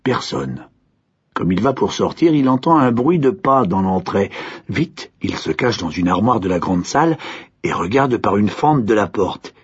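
A man narrates a fairy tale with a lively, swooping pitch. His voice is husky and slightly breathy, and the recording sounds dull and lo-fi. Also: unhurried. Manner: expressive, varied storytelling. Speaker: storyteller.

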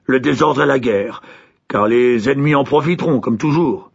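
A man voicing an old, grieving king, speaking low and hushed with a husky, wavering voice, in a storybook reading. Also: moderate pace, highs cut off. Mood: worried.

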